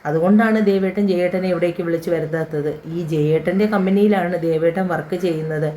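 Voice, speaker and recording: A man's voice: high-pitched, fairly even intonation, fairly quick, dark tone, a little hiss or hum, natural voice. A woman voicing an easygoing young nephew who explains family matters plainly. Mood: explaining.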